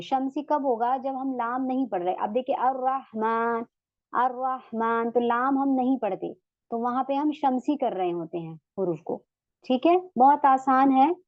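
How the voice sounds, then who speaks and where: A woman teaches an online tajweed class, her voice slightly high and unhurried as she patiently walks through each example. The sound is dry and a little dull, with a lo-fi edge. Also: no echo. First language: Urdu. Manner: patient, repeats examples slowly. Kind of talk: online lesson explanation.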